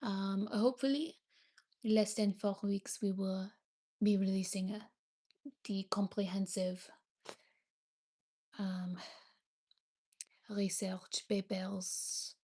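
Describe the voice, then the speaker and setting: A young native French speaker from France, with a French accent, hosts a casual livestream chat, thanking viewers and sometimes searching for English words. Her medium-pitched voice is steady and mellow, and she speaks slowly with long pauses.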